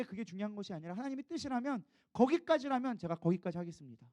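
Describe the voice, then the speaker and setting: A man's voice: high-pitched, mellow, no echo. A male co-pastor preaching a sermon, telling the story with animation and putting questions to the congregation.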